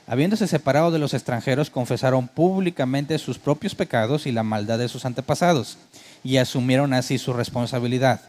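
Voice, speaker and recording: A man's voice: medium pitch, brisk, a little mellow. Pastor guy giving a sermon, chatty, keeps throwing questions at the crowd. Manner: conversational, asks the congregation rhetorical questions; mimics worship keyboard sounds for comic effect.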